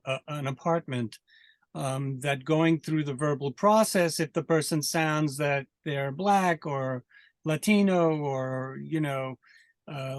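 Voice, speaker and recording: A man hosting a film Q&A, asking halting questions and giving frequent affirming hums. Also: a little high, no room sound, clean studio sound. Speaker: festival director and interviewer. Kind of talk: Q&A interviewing.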